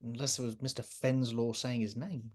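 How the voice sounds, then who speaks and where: A woman doing the Doctor, low and husky. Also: fairly even intonation, a little mellow. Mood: uneasy rambling. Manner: quick rambling explanations, trailing off. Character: eccentric male alien time traveller, rattled. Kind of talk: fan audio drama.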